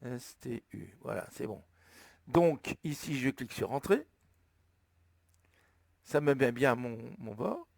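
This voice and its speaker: Man, French accent, tutorial narration, thinking aloud, dry close sound, mid pitch. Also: lively intonation, gravelly, no echo. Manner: slow step-by-step explaining, thinking aloud. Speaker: flight sim tutorial maker. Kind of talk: screen-recorded tutorial narration.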